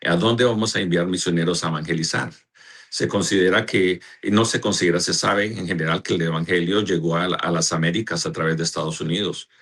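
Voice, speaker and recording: A man, a pastor and church director, answering interview questions in a slow, earnest way as he searches for words. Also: sits low, a bit bright, slightly rough.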